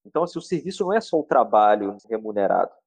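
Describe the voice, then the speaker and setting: A man's voice: lowish voice, sing-song, very fast, gravelly, darkish tone, husky, no room sound. A man talking as a therapist guest on a podcast, urging listeners in a fervent, preacher-like way. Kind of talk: earnest podcast talk.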